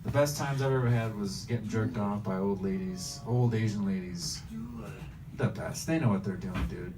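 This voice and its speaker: Over music, a man from Bosnia with a lowish voice and moderate pace does brash, crude stand-up in a retro game shop, needling the people there. The comedian is captured from a distance, with the noisy store all around.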